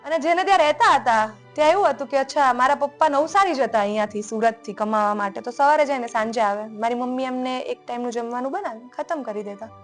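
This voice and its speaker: Animated high-voiced young woman storyteller. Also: fast talker, hardly any pauses, faint music behind. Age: young adult. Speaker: guest speaker, entrepreneur. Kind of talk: casual podcast conversation.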